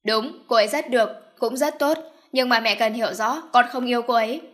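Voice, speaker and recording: In an audiobook scene, a woman narrator voices an indignant young adult son who argues hard against his mother. The lightly acted voice stays fairly high, agitated and protesting throughout, a little fast and a bit bright.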